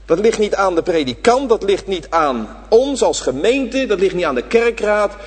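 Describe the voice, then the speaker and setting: A man preaching a sermon to his congregation, swinging between loud emphatic lines and hushed ones. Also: high-pitched, big pitch swings, normal speed, slightly rough. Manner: addresses the congregation directly. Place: church. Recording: reverberant church hall.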